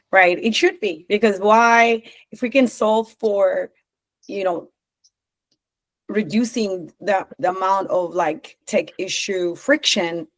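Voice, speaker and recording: In a podcast interview, a company co-founder from Zambia talks animatedly in a mid-range voice. She laughs often and keeps restarting her sentences.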